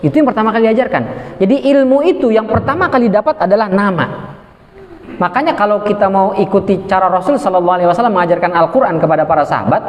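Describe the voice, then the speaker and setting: Male preacher, high voice, lively lecture style, speech, answers his own questions. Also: quick pace, lo-fi sound. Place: mosque hall. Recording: echoey hall.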